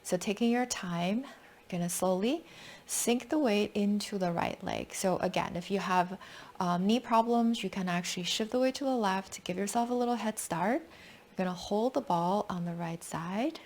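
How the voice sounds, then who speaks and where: A woman teaching tai chi step by step with calm, gentle, unhurried cues. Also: mid-range voice. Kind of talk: step-by-step movement instruction.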